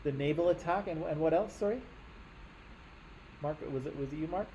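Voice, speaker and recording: A man's voice: a little high, fairly quick, warm tone, a little hiss or hum, poor audio. A man teaching a history class in a classroom, talking conversationally and often checking in with "right?".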